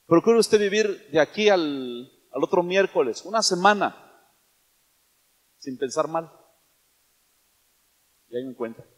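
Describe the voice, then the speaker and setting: A man's voice: on the high side, big-room sound. A man preaching a sermon in a church, emphatic and firing questions at the congregation.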